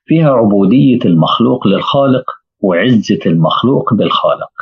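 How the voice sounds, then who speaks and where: A man's voice: lowish voice, lively intonation, fairly quick, breathy edge. A man with an Egyptian Arabic accent giving a religious lesson, telling stories and posing rhetorical questions. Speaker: preacher. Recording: tinny phone-like audio.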